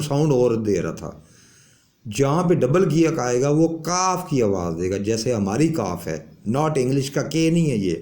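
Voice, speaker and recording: ایک مرد استاد جو کلاس میں صبر سے حروف کی آوازیں سمجھاتا ہے اور بار بار "ٹھیک ہے" پوچھتا ہے۔. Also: male voice, mid-range voice, warm tone. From Pakistan. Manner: explains patiently with many check-ins. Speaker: language teacher. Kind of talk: classroom lesson explaining an alphabet.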